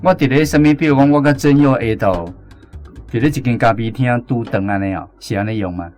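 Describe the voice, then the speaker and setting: A Taiwanese-accented man hosts a radio language quiz segment, moderating conversationally between contestants and teachers. His voice is medium-pitched and a little mellow, and he speaks briskly.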